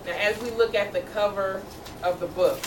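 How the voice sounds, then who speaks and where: In a room full of second graders, a teacher with a steady, mid-range voice reads a picture book at normal speed, asking the children questions and repeating what they say in an encouraging way. The recording is far off, echoey, and noisy.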